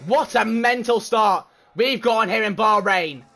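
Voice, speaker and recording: A man giving excitable live commentary on a sim race and chatting with his viewers. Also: high-pitched, unhurried, creaky. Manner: excitable, swears when shouting, chats with viewers.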